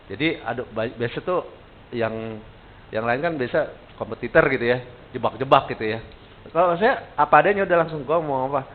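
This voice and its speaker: A man teaching a live sales training session, talking casually and putting questions to the audience. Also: mid-range voice. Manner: casual, animated, quizzes the audience. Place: training room. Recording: tinny lo-fi sound with faint hiss.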